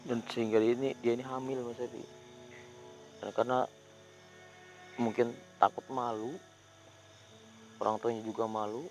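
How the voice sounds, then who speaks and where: A man, hosting a ghost-hunting video outdoors at night, talking in a hushed voice that turns into loud, urgent calls. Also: medium pitch, flat delivery, normal speed, pauses often, faint music behind. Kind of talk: hushed on-location paranormal narration.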